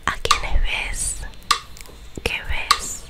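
Young woman, Rioplatense accent, for whispered ASMR guided relaxation; very slow, soothing instructions, close on the mic. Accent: Rioplatense Spanish. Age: young adult. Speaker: ASMR host guiding a relaxation visualization. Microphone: close large studio microphone.

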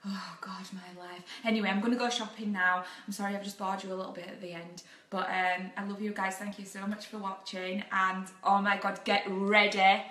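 Chatty woman with a bright voice. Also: medium pitch, little pitch movement, brisk, hardly any pauses. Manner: chatty, rambling, laughs often. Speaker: vlogger. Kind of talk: casual live video chat. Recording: echoey room, faint noise.

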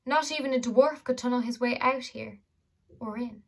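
A woman's voice: fairly high pitch, moderate pace, far from the mic. A woman voicing a clever young male schemer who speaks cool and precise.

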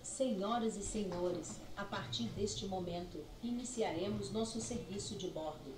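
A woman making a formal, slowly measured cabin announcement as a flight attendant. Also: mid-range voice, reverberant. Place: airplane cabin. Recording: distant cabin PA in a noisy plane.

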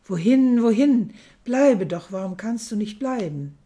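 Woman reading a lovesick emperor, pleading, slow warm voice. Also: mid-range voice, lightly acted. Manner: pleading, rising to anxious calls. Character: lovelorn emperor calling for his lost dream lover.

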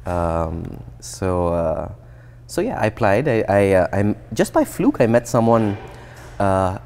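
A guest researcher, an Indian man in his thirties, speaks slowly in a lowish voice as he recounts his path. His manner is relaxed and thoughtful, marked by many restarts and fillers. He wears a lapel mic in an indoor atrium with plants and glass.

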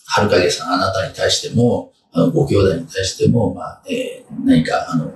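Sitting low and gravelly, this voice belongs to a guest historian in his sixties explaining things conversationally in an interview. He pauses often, halting as he works through his reasoning out loud. He's seated at a table in a small indoor room, recorded roomily on a distant mic with faint background noise.

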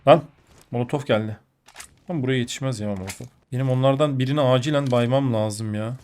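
A sick man with a blocked nose and a muffled, nasal voice, giving excitable gameplay commentary that jumps between muttering and outbursts. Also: mid-range voice, fast, very noisy. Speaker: mobile game player.

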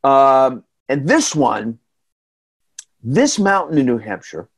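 A man's voice: medium pitch, big pitch swings, slow, creaky, breathy edge. A middle-aged man with a New England accent telling travel stories in a casual slide talk over a video call, chatty and self-deprecating with many fillers. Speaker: tour guide and storyteller giving a slide talk. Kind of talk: casual storytelling presentation. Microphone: webcam on a video call.

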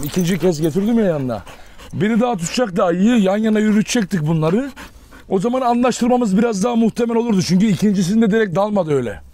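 With a warm tone and a voice that sits high, a young man casually and directly addresses his viewers while handling his dogs outside. Every so often he interrupts himself to give them short, firm commands.

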